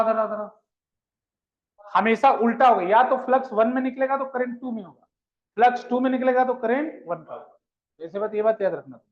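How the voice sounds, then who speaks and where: A male physics teacher lecturing a live class, asking questions, repeating them, and coaxing his students along as children. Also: sits high. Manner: addresses students fondly as children. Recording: dull lo-fi sound.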